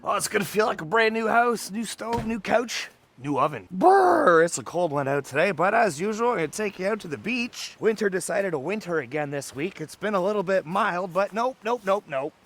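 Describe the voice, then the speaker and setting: A man's voice: high-pitched, expressive, fairly quick, fairly bright tone. A middle-aged man hosting a casual home-renovation vlog, upbeat and chatty, talking to viewers at home and outdoors by a lake in winter. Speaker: vlogger.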